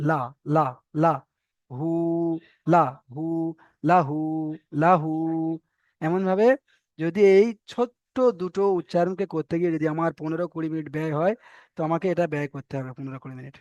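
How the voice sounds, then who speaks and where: A man teaching a Quran reading lesson, spelling out Arabic letters and patiently repeating each syllable slowly for his students. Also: on the high side, a little mellow, dry recording, muffled recording. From Bengal.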